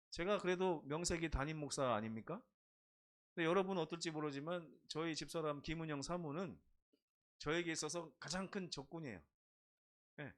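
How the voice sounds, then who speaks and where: A middle-aged man preaching a sermon in a church. His voice sits fairly high for a man, and he keeps it conversational with humorous stories and questions to the listeners. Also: a bit bright. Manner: humorous storytelling, asks the congregation questions. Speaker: pastor.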